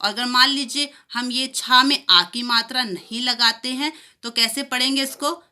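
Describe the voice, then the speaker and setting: A woman teaching a children's lesson, slowly stretching out each sound so young pupils can repeat it after her. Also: on the high side, fairly even intonation, bright, forceful tone. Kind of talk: primary school lesson.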